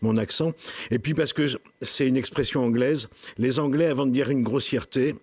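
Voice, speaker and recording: A French man, a songwriter guest on a talk show, speaking in a halting, self-deprecating way with frequent restarts. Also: medium pitch, slightly rough, no room sound. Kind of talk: casual interview.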